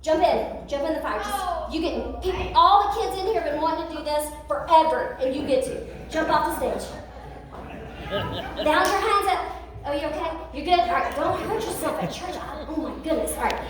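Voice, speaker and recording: A very high-voiced woman tells a Bible story to children with animated, playful energy, calling out directions as they act it out. She is caught from far off in a big, strongly echoing church hall, with faint room noise behind her. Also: normal speed, some chatter behind. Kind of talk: lively Bible storytelling for kids.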